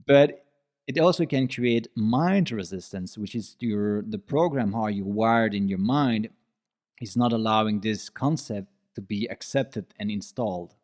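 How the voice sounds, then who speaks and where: A man talks through his ideas in a reflective solo podcast, earnest and explanatory. His voice sits somewhat low, and he repeats key phrases to drive them home. His English has some non-native slips in phrasing and grammar. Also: a little slow, a little mellow. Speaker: podcast host.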